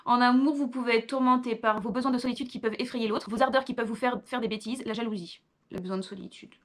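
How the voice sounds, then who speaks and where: A woman's voice: fairly high pitch, steady tone, quick pace. A young woman, reading quiz questions aloud and answering with offhand asides in a casual vlog. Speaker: vlogger.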